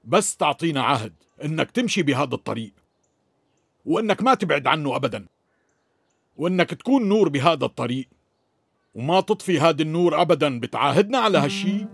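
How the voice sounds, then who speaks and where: A stern, solemn elder in a dubbed period drama, speaking Syrian Arabic. His husky voice sits fairly high and swings expressively. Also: lively intonation, fast, pauses often, no room sound, clean studio sound, heavily acted.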